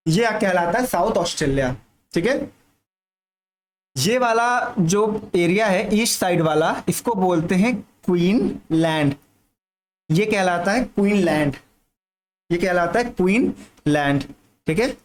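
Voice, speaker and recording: A man a fairly high voice teaches a general studies lesson for exam students while marking up a map. He stretches out the key names slowly and keeps checking in his listeners. A light hiss of background noise sits under the recording. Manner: repetitive, checks in with "thik hai" constantly; drawls key terms slowly.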